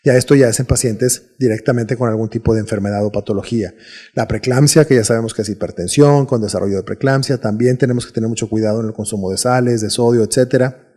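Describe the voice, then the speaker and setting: A man with a Mexican Spanish accent delivers a recorded medical lecture at a steady, explanatory pace. His voice sits at a middling pitch with a mellow, dark tone. He often stumbles, repeats words and restarts his sentences. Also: quick pace, husky.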